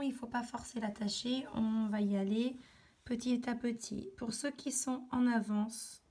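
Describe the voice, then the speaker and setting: A woman teacher with a French accent gives a remote lesson to young children, stretching out words and articulating slowly and clearly. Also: on the high side, a little mellow.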